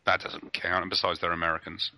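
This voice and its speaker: A man's voice: low voice, completely flat delivery, fast, sharp tone, no room sound, rough recording. A man co-hosting a podcast, joking and cheeky in casual chat. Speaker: podcast co-host.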